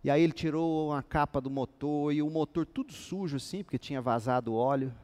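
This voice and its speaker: A male pastor preaching a sermon with animated storytelling, acting out the dialogue in his stories. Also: on the high side, fairly quick.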